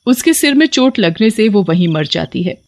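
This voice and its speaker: A woman narrating an animated horror story in a steady, even storytelling manner. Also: medium pitch, normal speed, slight background noise. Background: faint music.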